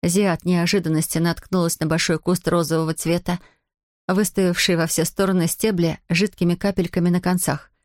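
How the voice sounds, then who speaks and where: Woman narrator, low voice, measured, dry close recording. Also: little pitch movement, a little mellow, no echo. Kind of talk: audiobook narration.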